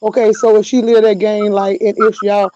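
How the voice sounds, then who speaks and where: A man's voice: high voice, little pitch movement, normal speed, warm tone, no room sound, lo-fi sound. A man hosting a casual call-in chat, talking animatedly and often repeating himself.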